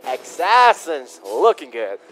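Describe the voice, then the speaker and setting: A man's voice: a little high, huge pitch swings, takes it slowly, a bit bright, soft background music. A man casting a mobile esports match in chatty, storytelling commentary. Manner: chatty, storytelling, laughs often. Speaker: esports caster.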